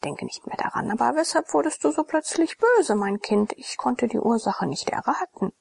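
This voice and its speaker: A gentle young Athenian mentor speaks in a calm, low whisper, as a woman puts him on. This is whispered role-play from a storybook, with a gravelly, husky texture. The sound is dry and close. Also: normal speed, dry recording, exaggerated voice. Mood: soothing.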